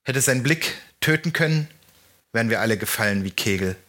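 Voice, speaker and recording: A man reads a first-person story aloud at a measured pace, with a bright, forward tone. His pitch sits in a middle range for a man. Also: lively intonation. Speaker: narrator. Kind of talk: audiobook narration.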